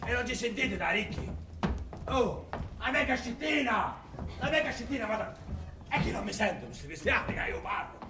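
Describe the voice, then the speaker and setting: A man's voice: a little high, expressive, measured pace, distant mic. An actor playing a miserly, suspicious old man in a Sicilian-accented stage comedy, grumbling and exclaiming over money. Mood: suspicious, anxious. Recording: echoey theatre stage, clearly noisy.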